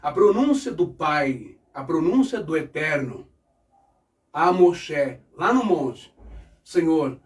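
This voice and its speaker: A man's voice: fairly high pitch, expressive, takes it slowly, recorded from a distance. A man preaching and explaining scripture, asking his listeners rhetorical questions. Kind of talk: sermon-style Bible teaching.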